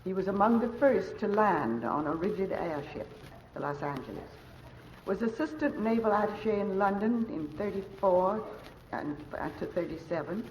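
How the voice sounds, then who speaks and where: A woman as mistress of ceremonies, giving a formal, measured speech introducing a speaker at a luncheon, heard on an old broadcast transcription disc. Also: medium pitch, lively intonation, a little mellow, slight background noise. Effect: old broadcast transcription disc sound. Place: large hotel ballroom. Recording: dull lo-fi old transcription disc, echoey ballroom.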